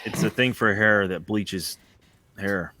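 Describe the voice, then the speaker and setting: A man on a podcast video call, explaining at length with soft trailing asides. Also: lowish voice, steady tone, takes it slowly, no room sound. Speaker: podcast co-host. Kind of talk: casual chat.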